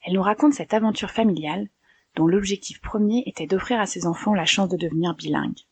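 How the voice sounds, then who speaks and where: A woman hosting a podcast, reading a measured, scripted introduction. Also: medium pitch, slightly rough. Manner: measured, even narration. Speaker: podcast host. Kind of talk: scripted narration.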